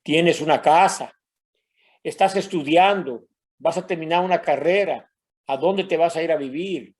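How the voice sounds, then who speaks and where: A man's voice: a little high, measured pace, darkish tone, breathy edge. An older man from Mexico with a Mexican Spanish accent, a pastor telling a personal story in a sermon and addressing the congregation as brothers.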